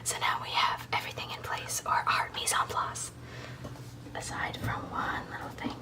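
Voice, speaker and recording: A woman speaks entirely in a soft ASMR whisper, sounding a little distant from the microphone. She guides listeners through a recipe as the host, with chatty, instructional asides. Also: moderate pace. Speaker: video host.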